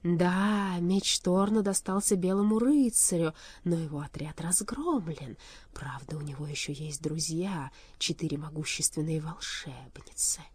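A woman voicing a timid winged lizard-man servant who speaks in a dull, breathy half-whisper. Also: on the low side, steady tone, moderate pace, a little mellow, close to an everyday voice. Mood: downcast.

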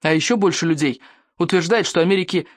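A man's voice: fairly high pitch, quick pace, dry recording, lightly acted. A man voicing an eager, anxious young boy who asks earnest and urgent questions. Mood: arguing.

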